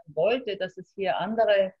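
A woman's voice: medium pitch, unhurried, breathy edge. A middle-aged woman speaks in a sceptical, matter-of-fact way during an analytical panel conversation on a video call from a room at home, with many fillers and restarts. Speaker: panel participant. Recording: dull, muffled video-call audio.

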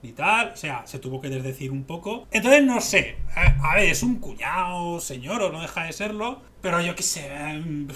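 A man in his thirties with a Spanish accent talks politics casually but emphatically through a headset on a video call from a small room at home. His voice is on the high side, bright and forceful, with lively intonation, normal speed and hardly any pauses. He rambles and repeats himself, and the home stream carries background noise.

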